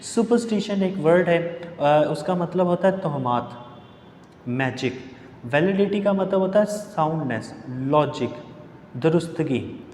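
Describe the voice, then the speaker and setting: A male teacher in a book-reading lesson. He reads English lines slowly, then explains the meaning of each word at length. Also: a little high, animated, a little mellow, reverberant, in a large hall, slight background noise.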